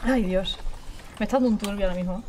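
A woman's voice: mid-range voice, quick pace, warm tone. A young woman with a Spain Spanish accent commentating her gameplay, pleading and laughing in panic. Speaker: gaming YouTuber. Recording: faint background noise.

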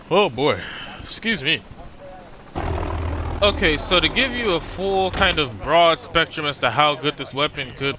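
A man's voice: on the high side, background noise. A tired man chatting casually through a shooter match, reacting aloud as he plays. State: tired, yawning. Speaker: gaming YouTuber and streamer. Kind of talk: casual gameplay commentary. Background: loud gunfire from the game.

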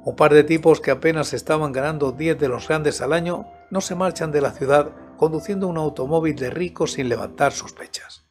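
A moody male criminal in a suspense audiobook talks deliberately as an older man reads him out. The voice is slightly high, with faint music behind it. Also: close to an everyday voice. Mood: calculating. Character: sullen, tall, lean criminal in his mid-thirties. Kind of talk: audiobook character dialogue.

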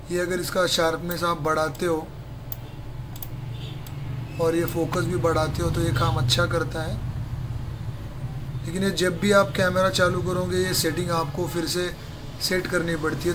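A man casually walking viewers through a camera setup step by step in a phone repair workshop, talking to them like friends. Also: sits high. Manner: chatty, addresses viewers as brother, step-by-step. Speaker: mobile repair technician. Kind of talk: casual how-to walkthrough. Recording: noisy room with street traffic.

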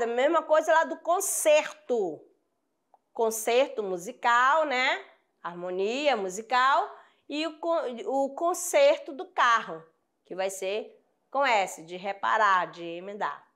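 Slow-speaking Brazilian woman teacher. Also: on the high side, fairly bright tone. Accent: Brazilian Portuguese. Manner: patient, repeats examples with frequent check-ins; addresses students affectionately. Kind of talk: classroom grammar lesson.

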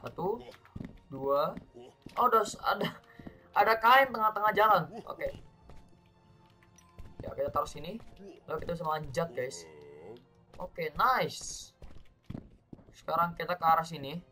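High, bright-voiced excitable gamer man. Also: measured pace, long pauses, faint music behind. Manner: excitable, bursts into loud exclamations; chatty, keeps addressing viewers as guys. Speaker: gaming YouTuber. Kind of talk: let's play commentary.

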